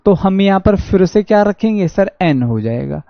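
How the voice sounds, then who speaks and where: A man with a Haryanvi accent teaching an online exam-prep English class, reading sentences slowly and answering his own questions. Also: high voice, animated, vocal fry, dry recording. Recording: dull dry lo-fi audio.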